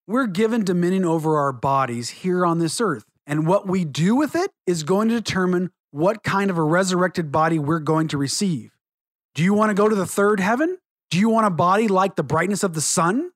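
A man's voice: high voice, no room sound. Earnest middle-aged man giving testimony. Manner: earnest, measured, slows for emphasis. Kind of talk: religious testimony and teaching.

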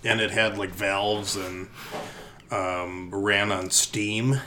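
Slow, bright-voiced man riffing a silly story. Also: on the low side, steady tone. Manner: rambling, laughing, full of fillers. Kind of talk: casual improvised storytelling.

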